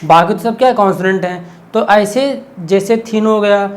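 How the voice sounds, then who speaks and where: A man's voice: sits high, moderate pace, slight background noise. A man teaching an exam-prep lesson, explaining step by step and asking questions he answers himself. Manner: explains step by step, keeps asking "what is it?" and answering, frequent "okay".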